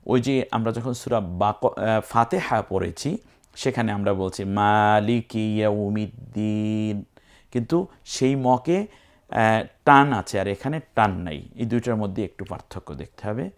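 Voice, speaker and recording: A man teaching Quran recitation step by step, spelling out sounds patiently and now and then chanting whole words in a drawn-out tone. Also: fairly low pitch, expressive.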